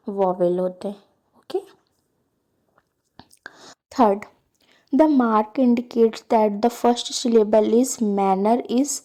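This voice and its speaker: A woman's voice: medium pitch, dark tone. A woman with an Indian accent teaching an English lesson, reading lines and explaining them with rhetorical questions. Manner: slow, reads English lines then explains them in Hindi; asks rhetorical questions to students.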